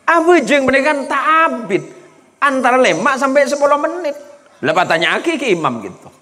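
Joking preacher in a reverberant mosque. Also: male voice, very high voice, sing-song, fairly quick, bright, forceful tone. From Indonesia. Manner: joking, mixes local dialect phrases, laughs often. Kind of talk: humorous sermon.

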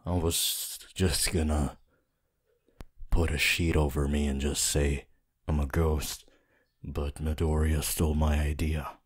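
Man voicing Hitoshi Shinsou, very deep husky flirt. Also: flat delivery, heavily acted. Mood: tired, awkward. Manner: slow, halting, low-key delivery with sighs and pauses. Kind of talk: roleplay ASMR voice acting.

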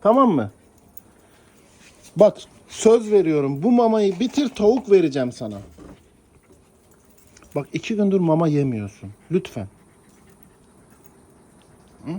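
Guy sweet-talking his cat and dog, higher voice but mellow tone. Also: big pitch swings, unhurried, pauses often. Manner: coaxing, pleading pet talk. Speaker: pet owner. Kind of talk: casual talk to pets.

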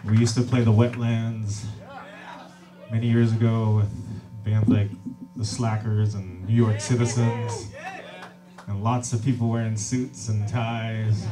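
A man in his thirties, with a fairly low voice, chats warmly and casually between songs at a small club show, relaxed, self-deprecating and laughing a lot. He's a singer-songwriter who also runs a label, and his stage banter was captured from the audience off a stand-mounted vocal mic in a crowded indoor room. The distant live recording picks up acoustic guitar and the crowd.

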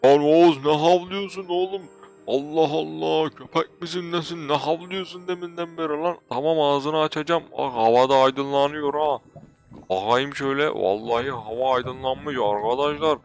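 A young man hosting a game video, talking in a loud, playful, exaggerated way while commenting on his role-play. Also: fairly high pitch, steady tone, normal speed, soft background music. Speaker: gaming channel host.

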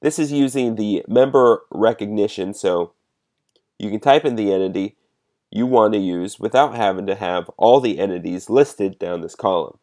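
Like a presenter walking users through a program, a man with a fairly low voice explains each step of a software demo in a measured, instructional manner.

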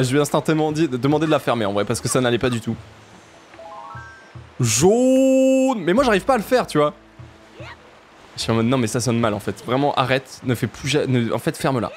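A man with a southern French accent, chatting casually and jokily while playing a game, often jumping up in pitch for emphasis. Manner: chatty, jokey, jumps to high pitch for emphasis. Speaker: let's play streamer. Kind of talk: casual gameplay commentary.

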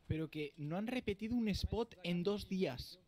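A man in a casual gaming chat, laid-back and making quick remarks. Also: high-pitched, lively intonation, darkish tone.

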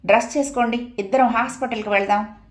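Woman reading as soft-spoken young wife, caring, coaxing, storybook voice, slightly higher. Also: fairly even intonation, fast talker, reverberant, natural voice.

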